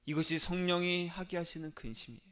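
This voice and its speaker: A man preaching a sermon as pastor, acting out inner voices and prayers and swinging between loud and hushed delivery. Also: high voice, fast. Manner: leads congregation in repeating phrases.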